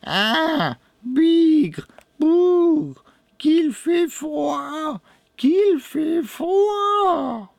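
Guy doing a squeaky sugary old limping witch, drags her words out, dry close sound. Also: sing-song, creaky, no room sound, exaggerated voice. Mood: wheedling. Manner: honeyed, wheedling, drawn-out moans. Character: sly, limping, hunchbacked old witch woman. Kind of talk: storybook read-aloud.

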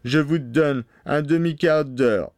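A man voicing a cruel, merciless nobleman, shouting slowly and loudly with menace in a storybook reading. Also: a little high, no room sound, voice pushed up. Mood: menacing. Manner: slow, loud, menacing shouting. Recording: dry studio sound.

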